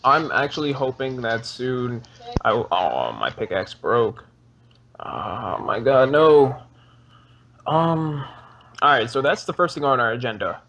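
A man's voice: mid-range voice, big pitch swings, normal speed, sharp tone, slight background noise. Chatty teen boy playing a block game. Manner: chatty, joking, plugs the channel to viewers. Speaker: gaming channel host. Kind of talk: casual game commentary with a friend.

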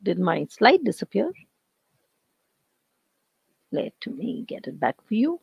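A woman lecturer with an Indian English accent teaching over a video call, her voice going hoarse and her throat often cleared. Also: mid-range voice, very animated, slow, darkish tone, no room sound. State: losing her voice. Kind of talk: online lecture.

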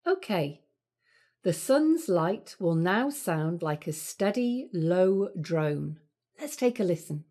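A woman playing a calm spacecraft captain, narrating a scripted planetarium tour with a steady, measured cadence. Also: lowish voice, exaggerated voice. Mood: calm, guiding.

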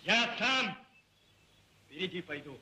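An actor playing a fiery, declamatory Red Army commander in 1930s film style. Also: male voice, high voice, big pitch swings, slow pace, pushed and bright, full character voice. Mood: solemn, stern. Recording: echoey, hissy 1930s film soundtrack.

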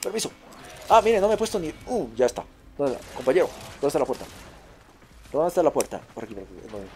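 A man hosting a let's play video, commentating excitably, repeating short phrases in bursts and chatting to his viewers. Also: a little high, fast, slight background noise. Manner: chatty, addresses viewers as a group. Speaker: gaming video host.

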